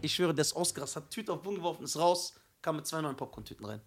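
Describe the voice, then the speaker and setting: Animated high-voiced man telling stories. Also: rapid-fire. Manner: animated, emphatic storytelling. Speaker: podcast co-host. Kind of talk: casual chat.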